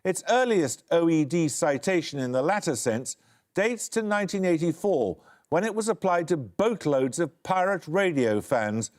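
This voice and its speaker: A man hosting a quiz show, reading questions crisply and giving dry, wry introductions. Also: on the high side, very animated, normal speed. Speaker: quizmaster.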